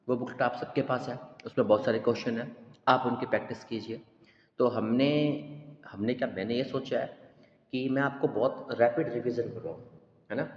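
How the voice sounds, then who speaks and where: Male biology teacher, question-and-answer revision style, dull lo-fi sound with a roomy echo. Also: mid-range voice. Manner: asks students questions and answers them himself; adds "है ना" and "ठीक है" after points. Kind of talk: online exam revision class. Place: echoing room. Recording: echoey, dull, long room reverb.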